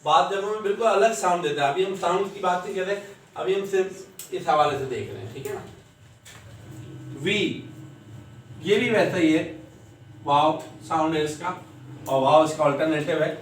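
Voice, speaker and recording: A man teaching a class, slowly drilling letter sounds and asking students questions. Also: on the high side, a little hiss or hum. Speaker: English teacher. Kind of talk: classroom lesson. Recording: echoey room, distant mic.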